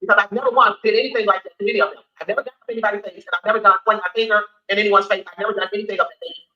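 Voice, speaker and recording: A woman's voice: medium pitch, steady tone, rapid-fire, pushed and bright. Emphatic woman in her sixties, roomy lo-fi. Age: 60s. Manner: emphatic, repetitive, defensive. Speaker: city council candidate. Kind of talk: interview answers.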